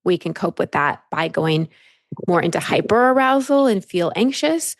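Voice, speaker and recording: Female coach, low-pitched with a gravelly edge, patient and steady. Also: normal speed, no room sound, clean studio sound. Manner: calm, explains patiently with repeated phrases. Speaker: life coach. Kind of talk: coaching session.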